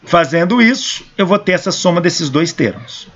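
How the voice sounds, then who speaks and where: This engineering professor is a hoarse man with a Brazilian Portuguese accent, captured on a dull lo-fi recording as he solves equations stepwise and replies to his own questions. He speaks at normal speed in a high, expressive voice with a bit of brightness.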